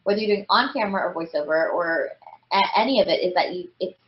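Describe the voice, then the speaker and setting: A woman's voice: fairly low pitch, expressive, quick pace. A woman in her thirties, a voice actress as the guest, talking casually and often filling with "like" and "you know". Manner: chatty, frequent "like" and "you know" fillers. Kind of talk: casual interview chat. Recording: roomy, slightly dull podcast audio.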